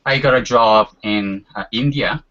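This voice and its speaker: A Korean-speaking man in his forties chats casually as a guest, leaning on fillers like "you know." His voice is fairly low, a little slow and a bit bright, on a dull lo-fi recording with slight background noise.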